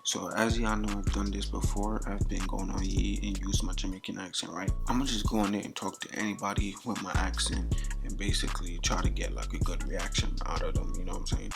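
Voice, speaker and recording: A young man introducing his video in a relaxed, slangy style. His talk is easygoing and quick. He sounds like he is chatting with his regular viewers. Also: sits low, vocal fry, loud music behind the voice. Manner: laid-back, slangy. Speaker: vlogger.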